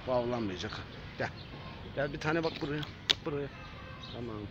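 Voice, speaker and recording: A man's voice: mid-range voice, moderate pace. A man talking to stray cats in a casual vlog, calling and coaxing them over and over in short repeated phrases. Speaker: vlogger. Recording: dull lo-fi audio with clear street noise.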